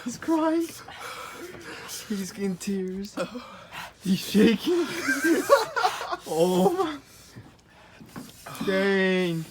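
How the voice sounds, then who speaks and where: Young man, high pitch, swooping intonation, amused slangy host commentary, noisy recording. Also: extremely slow, creaky, long pauses. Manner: amused, excitable. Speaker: challenge host and timekeeper. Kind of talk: casual slangy running commentary.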